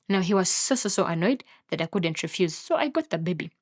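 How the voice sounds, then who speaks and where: Animated Ugandan woman telling a comic story. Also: fairly low pitch, brisk. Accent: Ugandan English. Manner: animated, dramatic, with exclamations. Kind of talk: comedic storytelling monologue. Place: film studio.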